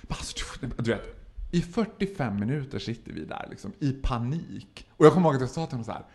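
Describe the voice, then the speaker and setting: A man in relaxed conversation who keeps his pitch moving all the time, so his delivery sounds expressive and animated. He tells stories with plenty of acted-out quotes and bursts of laughter. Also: vocal fry. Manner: acts out other people's lines in voices, laughs often. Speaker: podcast guest telling stories. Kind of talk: animated anecdote in casual chat.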